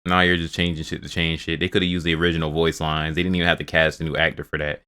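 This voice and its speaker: A man's voice: rumbling low, flat delivery, rapid-fire, sharp tone, clean tone. A man casually rambling through reaction commentary, swearing often and restarting his sentences. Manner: rambling, profane, restarts a lot. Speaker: video host reacting to game news.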